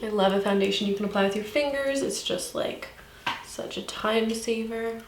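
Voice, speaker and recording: A woman's voice: medium pitch, moderate pace, background noise. A young woman working as a makeup artist, chatting earnestly and upbeat in a casual beauty tutorial. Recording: echoey room.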